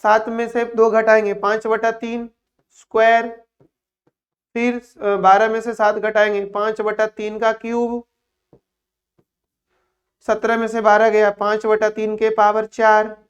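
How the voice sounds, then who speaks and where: Male math teacher, slow and playful, lo-fi sound. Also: high voice, completely flat delivery. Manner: playful, teasing asides between calculations. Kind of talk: classroom lecture.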